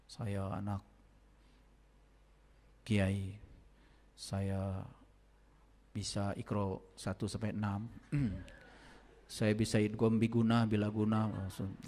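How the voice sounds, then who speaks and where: A male spiritual teacher giving a sermon, telling stories and moving from quiet asides to loud, emphatic points. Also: fairly low pitch. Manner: storytelling, swings from quiet asides to emphatic raised lines. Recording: long reverb, speaker set back from the mic.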